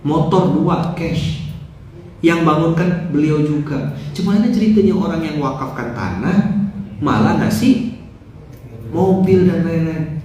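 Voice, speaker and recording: A man giving a lively, joking dawn sermon and putting rhetorical questions to his listeners. He is getting over mouth ulcers and speaks with care. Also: a little high. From West Kalimantan, Indonesia. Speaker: preacher. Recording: roomy, distant mic, faint background noise.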